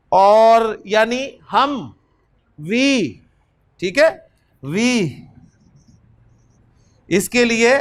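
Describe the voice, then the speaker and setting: High-pitched pakistani urdu-accented teacher guy, super slow, repeats everything like a drill. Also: fairly bright tone. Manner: slow, repeats words in rhythmic drills and checks in with the class. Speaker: Arabic teacher. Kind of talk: classroom lesson with drilled recitation.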